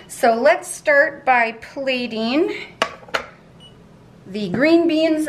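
A woman talking through her weekly meal prep in a home kitchen, bubbly and playful with cutesy pet words. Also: sits high. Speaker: weight-loss vlogger. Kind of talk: casual cooking and meal-prep talk.

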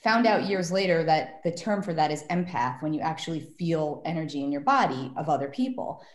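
A woman's voice: low voice, animated, a little fast. A woman from New York, a guest tarot reader, chatting casually and rambling through stories with lots of "like". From New York, USA. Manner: chatty, rambling storyteller, many "like"s. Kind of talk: casual podcast conversation. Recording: roomy echo.

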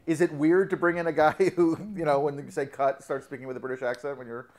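A man's voice: a little high, fairly even intonation, fast, a little mellow. Man asking rambling interview questions. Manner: rambling questions, laughs easily. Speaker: interviewer and host. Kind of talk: interview conversation. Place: studio in Los Angeles.

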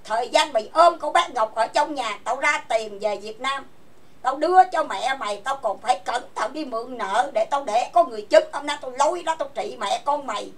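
High-pitched, furious woman. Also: moderate pace, far from the mic. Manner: furious, cursing and scolding. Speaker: online chat room host. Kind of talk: angry rant. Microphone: computer voice chat mic.

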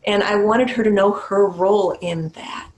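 A woman from New Hampshire, a meditation teacher and Zen priest, talks thoughtfully and without hurry about her own life on a webcam video call from her small home room. Medium-pitched and steady, her voice echoes in the space over a noisy background, broken by small restarts and soft laughs.

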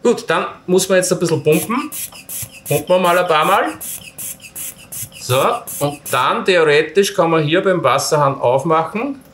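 A man's voice: fairly high pitch, lively intonation, a little slow, a bit bright. A man casually walking through assembling camping gear step by step, talking while he handles the parts and poking fun at his own mistakes. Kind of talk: hands-on assembly tutorial. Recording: roomy echo with faint noise.

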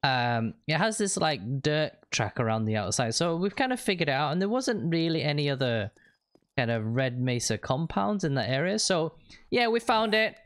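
A man's voice: a little high, big pitch swings, moderate pace, a bit bright, clear, resonant tone, no echo. A man hosting a gaming channel, chatting upbeat and thinking aloud as he plays a co-op game. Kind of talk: co-op gameplay commentary. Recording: game sound and gunfire behind the voice.

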